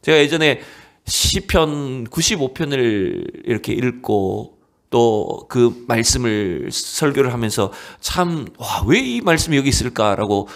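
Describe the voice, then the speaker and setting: A male pastor preaching a Wednesday sermon in a church, slowing down to read scripture aloud. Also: medium pitch, animated, gravelly. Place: church sanctuary.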